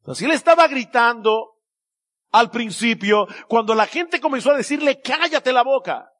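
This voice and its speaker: A male preacher with a high-pitched voice delivers a sermon to his congregation. He speaks emphatically, stretching out key phrases for weight. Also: expressive, a bit bright. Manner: emphatic, slows down to stress key words.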